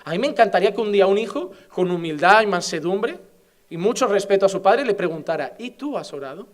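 A man's voice: high-pitched, fast. A middle-aged man with a Spanish accent from Spain, preaching a sermon with passion and many rhetorical questions. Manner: passionate, rhetorical questions, builds to fervent exhortation.

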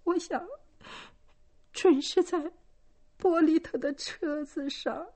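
A young farm girl whimpers and stammers through her tears in this storybook reading, voiced by a woman. Her voice sits high above the reader's own and wavers. The lines come slow and broken. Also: dark tone. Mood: stammering. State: crying. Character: young farm girl, pregnant, sobbing and timid.

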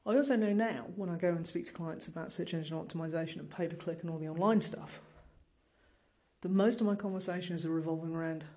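A middle-aged podcast host who runs an online marketing business delivers an informal solo monologue, earnest and emphatic, addressing the listener directly. His medium-pitched voice is fast with a dark tone.

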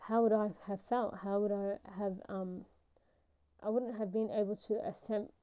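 On her solo podcast, a woman of about twenty talks reflectively, rambling and restarting often and leaning on fillers. Her medium-pitched voice is mellow and steady, at a moderate pace.

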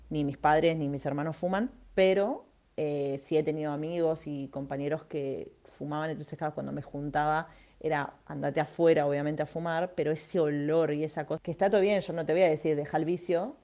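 Young woman, Argentine accent, low mellow voice, loose chatty podcast monologue with many fillers. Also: lo-fi sound. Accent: Argentine Spanish. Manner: chatty, self-mocking, lots of fillers. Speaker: podcast host. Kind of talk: casual monologue.

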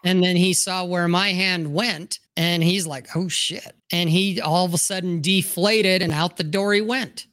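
A man's voice: high-pitched, fairly even intonation, a little slow, hardly any pauses, a bit bright, dry recording. A man hosting a casual talk stream, telling a story with profanity and acting out what people said. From Utah. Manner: storytelling, profane, acts out quotes. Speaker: podcast host. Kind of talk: casual chat.

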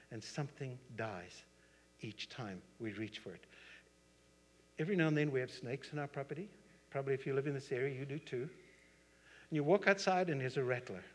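A male pastor preaching a sermon, telling stories emphatically and swinging from soft to loud. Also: mid-range voice. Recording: husky voice in long hall reverb.

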